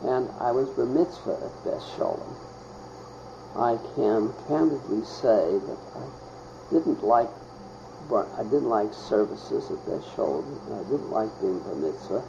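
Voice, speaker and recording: An older man from Pittsburgh reminiscing in an interview, halting and searching for words with many pauses. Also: fairly low pitch, animated, vocal fry, background noise. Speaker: oral history interviewee. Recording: muffled, with loud crickets behind.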